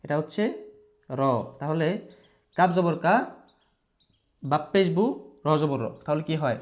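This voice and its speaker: A patient male teacher, speaking a touch higher than most men. He spells out letters and syllables one by one, repeats them over and over for his students, and drops English words into his talk. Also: measured pace, a little mellow. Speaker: Quran reading teacher. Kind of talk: online reading lesson.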